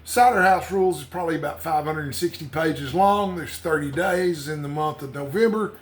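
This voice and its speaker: In this casual book vlog, a man speaks at a moderate pace in a slightly high voice. He hosts the channel and chats off the cuff, wandering from point to point without a script.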